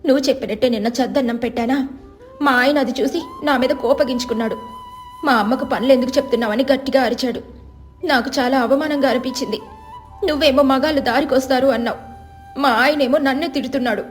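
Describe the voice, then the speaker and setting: A woman voicing a stubborn, resentful young wife who snaps and complains quickly. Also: high-pitched, faint music behind, lightly acted. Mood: complaining.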